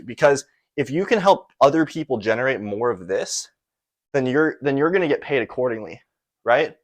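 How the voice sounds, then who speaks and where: Speaking in a medium-pitched voice with no room sound, a young American online business and sales coach talks to camera in an unscripted motivational explainer. His style is conversational and a bit rambling, and he frequently adds "right?" to check in with the listener.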